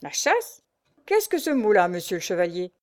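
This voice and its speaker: A woman's voice: on the high side, animated, normal speed, a little mellow, lightly acted. A woman voicing a hot-tempered, proud male naval commander who speaks curtly and sarcastically in a read-aloud story. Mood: haughty. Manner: curt, sarcastic, imperious.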